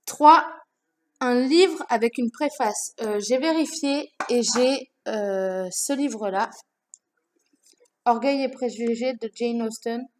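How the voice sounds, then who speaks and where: This young book vlogger speaks slowly in a somewhat high, slightly mellow voice as she talks casually about her books from a room at home. She uses lots of fillers and keeps correcting herself. A little hiss or hum can be heard.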